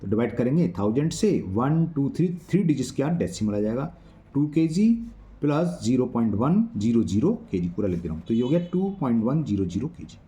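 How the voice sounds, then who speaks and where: A man's voice: mid-range voice, animated, a little fast, mellow. A man teaching a maths exercise to children, patiently counting digits aloud and checking that they follow.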